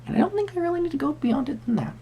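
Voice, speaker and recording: Playing a tarot reader in a soft-spoken roleplay, the speaker addresses the viewer directly, musing hesitantly in wordy, formal phrasing. The voice sits high and is expressive and racing, with a dark tone and a little hiss or hum.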